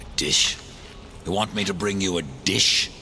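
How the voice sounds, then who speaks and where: A man playing Death, a grim horseman of the apocalypse in a video game, dry, curt and sardonic with a gravelly voice. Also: sits low, steady tone, measured pace, noisy background. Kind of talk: video game cinematic acting. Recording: loud music behind the voice.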